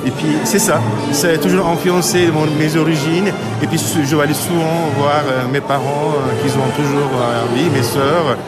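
A man's voice: fairly high pitch, steady tone. Male artist, fifties, from Turkey, hesitant and filler-heavy, music bed underneath. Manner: halting, searching for words, many fillers. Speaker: painter and artist. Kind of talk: radio interview.

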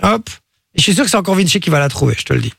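A man hosting a radio show, joking fast and teasing his co-hosts during a music quiz in a studio. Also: sits high, lively intonation, gravelly, fairly bright tone, slightly rough, dry recording. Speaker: radio host. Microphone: studio microphone. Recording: radio broadcast with music behind. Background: music playing.

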